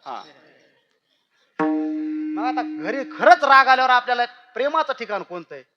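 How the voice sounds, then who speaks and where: A male kirtan preacher with a high, bright voice. He tells rustic, joking stories and breaks into chanted verses. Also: big pitch swings, normal speed, highs cut off, faint music behind. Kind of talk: humorous devotional kirtan sermon.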